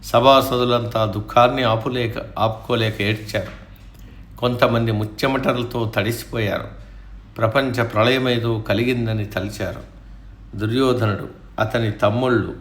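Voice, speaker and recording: A man reading an epic story aloud in a measured, solemn storytelling manner. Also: medium pitch, steady tone, fairly bright tone, echoey room. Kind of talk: scripted epic narration.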